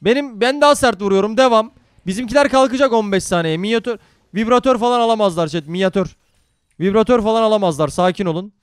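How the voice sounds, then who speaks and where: Man, game streamer, excitable and profane, bright clean voice, dry close sound. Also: high-pitched, quick pace, smooth, no echo. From Turkey. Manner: brash, profane, excitable banter with chat. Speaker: live streamer. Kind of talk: live gaming stream commentary.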